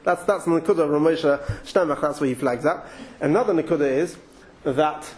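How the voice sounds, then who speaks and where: A man's voice: a little high, a little fast, a little mellow. Chatty English man teaching Torah. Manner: chatty, thinks aloud with restarts and asides. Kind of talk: informal Torah talk.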